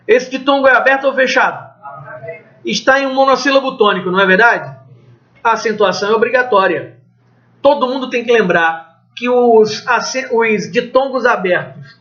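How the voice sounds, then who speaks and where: A Brazilian Portuguese teacher with a very high, bright voice drills his class through an exam review. He throws questions out and answers them himself in a loose, conversational way, cursing now and then. The recording sounds dull and lo-fi. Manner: swears casually.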